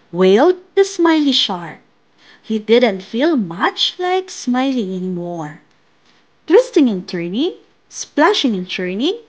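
A woman narrating a bedtime story in a gentle, sing-song, expressive way. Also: high voice.

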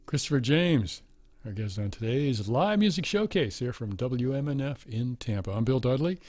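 In a radio studio, a man hosts a live music show, reading credits and sponsor notes and chatting with a guest in a relaxed, laughing way. His pitch is medium, his pace moderate, and there's no room sound.

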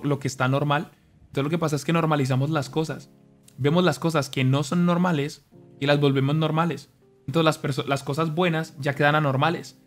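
A young man streaming, talking earnestly to his chat in an animated, preachy way. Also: fairly high pitch. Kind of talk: casual monologue to stream chat. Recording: faint music behind.

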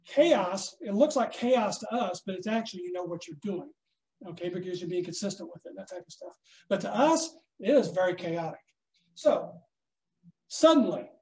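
A man teaching a snare drum masterclass, coaching a student hands-on and checking in often with a quick "okay?". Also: sits high, a little mellow. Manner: instructive, checks in with frequent "okay?". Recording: echoey room.

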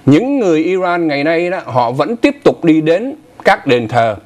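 A man's voice: on the high side, very animated, normal speed, a little mellow. A man in his sixties co-hosting a morning news show from a TV studio on a lapel mic, explaining the news in a chatty way with asides. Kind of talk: casual morning news commentary.

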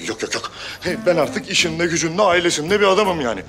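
An actor playing a blustering restaurant owner who mangles English, loud and boastful. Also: male voice, a little high, lively intonation, fairly quick, a crowd in the background, natural voice. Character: boastful middle-aged kebab shop owner man. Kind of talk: sitcom acting.

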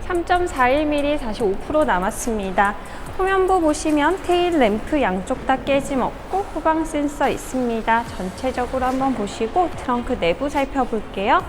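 High-voiced female car dealership presenter, polite and orderly scripted walkaround, music underneath. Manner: polite, orderly inspection patter. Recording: music behind the voice. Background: background music.

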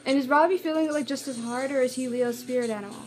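An excitable woman chatting through a reaction video, her voice high and bright. She rambles with fillers, and a loud music video plays behind her. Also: fast talker. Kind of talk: casual reaction commentary.

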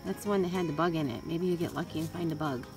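Filmed on a handheld phone, this vlogger keeps backyard chickens and coaxes her pets with short, casual phrases while out in the garden and near the coop. The middle-aged woman speaks very fast in a low-sitting voice. Music runs in the background and the recording is rough.

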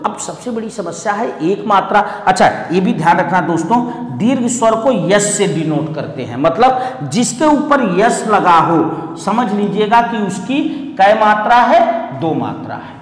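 A man's voice: sits high, sing-song, normal speed, few pauses. A man teaching an online exam coaching class. He explains step by step, repeats memory rhymes and asks his students questions. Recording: echoey classroom reverb.

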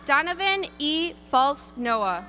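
A woman reading graduates' names at an outdoor graduation ceremony, announcing each one deliberately. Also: sits high, very animated, pushed and bright. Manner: deliberate, lilting name announcing. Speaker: graduation name reader. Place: outdoor stadium ceremony over PA.

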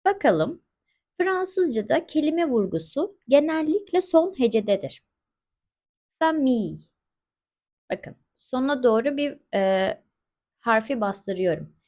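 A woman with a fairly high voice gives a French lesson at an unhurried pace. She explains each rule step by step and repeats every example word slowly and clearly. Her tone is patient and methodical. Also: animated, a little mellow. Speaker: French teacher. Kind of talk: slow explanatory language lesson.

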